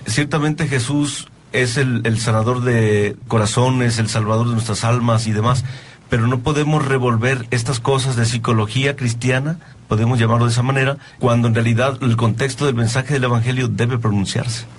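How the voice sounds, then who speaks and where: This is a Mexican priest who writes music, speaking as a guest on a talk show. His voice sits in an ordinary male pitch. He explains his answers in a calm, measured, teacherly way. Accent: Mexican Spanish. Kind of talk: interview answers.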